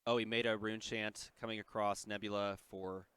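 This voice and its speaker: A man doing play-by-play commentary on a card game tournament, calling plays in quick excited bursts from a booth headset. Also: on the low side, clear, resonant tone.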